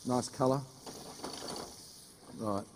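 A middle-aged man, a chef giving a brisk, joking live cooking demonstration on a studio stage. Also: medium pitch, darkish tone, in a large hall, slight background noise. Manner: brisk, joking, teases the audience. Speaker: chef doing a cooking demo. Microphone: headset mic.

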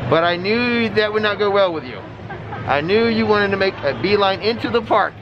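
A man's voice: sits high, animated, moderate pace, dull audio, crowd noise, background noise. A man vlogging casually outdoors at a theme park, talking through a face mask in a chatty, informative way. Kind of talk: casual walk-and-talk vlog. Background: music playing.

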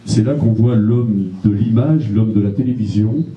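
A middle-aged man, a mayor, giving a formal welcome speech on a handheld mic in a small gallery, pausing often with "euh". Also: fairly low pitch, dull audio, slight background noise. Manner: halting, many "euh" pauses. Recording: echoey room.

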